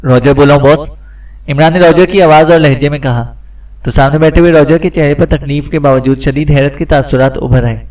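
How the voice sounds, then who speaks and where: Brief: male storyteller reading a thriller, somewhat high-pitched, set back from the mic. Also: brisk, distant mic, rough recording. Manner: steady storytelling delivery. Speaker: audiobook narrator. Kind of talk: scripted narration.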